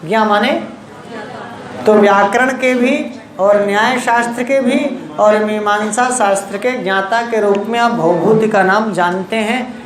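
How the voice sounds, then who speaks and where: A woman giving an unhurried, explanatory lecture as a literature teacher, repeating key terms and asking rhetorical questions. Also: mid-range voice. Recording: echoey room with faint ambience.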